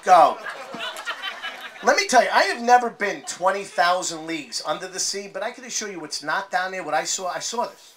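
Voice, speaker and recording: A man performing a stand-up comedy set, telling stories with acted-out voices and loud outbursts. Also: sits high, expressive, brisk, hardly any pauses, low-quality recording. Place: live comedy venue with laughing audience. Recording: live audience crowd noise. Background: audience laughter and applause.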